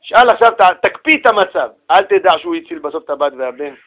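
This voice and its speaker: A man with a notably high voice speaks to a small group of listeners, retelling a religious tale in an informal, slangy way. He keeps the story animated, turning often to his listeners and slipping into the voices of the people in it. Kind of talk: casual religious talk with storytelling.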